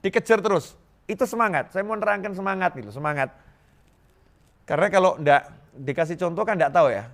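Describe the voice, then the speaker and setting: A middle-aged man from Indonesia preaching a sermon to a congregation, lively and joking, repeating phrases for emphasis. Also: sits high, fairly quick, pauses often. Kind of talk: Islamic sermon to a live congregation.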